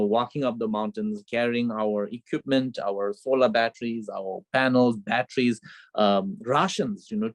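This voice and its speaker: A middle-aged male film director from Bhutan, mid-range voice with no echo, tells his story earnestly during a remote video interview from his home. Children are nearby as he reflects, repeating phrases and often saying "you know."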